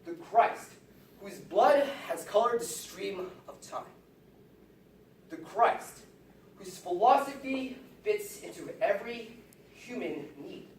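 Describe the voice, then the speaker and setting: Slow fervent preacher-style speech, emphatic and declamatory, echoey and far from the mic. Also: medium pitch, expressive, darkish tone, a little hiss or hum. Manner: slow, emphatic, declamatory phrasing with dramatic pauses. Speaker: orator defending the Bible. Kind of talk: impassioned religious oratory, sermon-like speech. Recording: distant, echoey hall-like sound.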